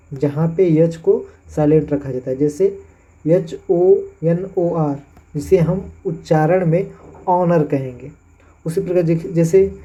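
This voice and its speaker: A man with a Hindi accent gives an English pronunciation lesson in a slightly high, dark-toned voice. He spells each word letter by letter before saying it, and the recording sounds dull and lo-fi.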